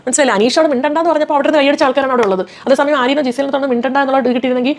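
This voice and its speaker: Rapid-fire woman recapping a reality show. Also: sits high, a little hiss or hum. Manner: animated, opinionated retelling. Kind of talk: casual commentary vlog.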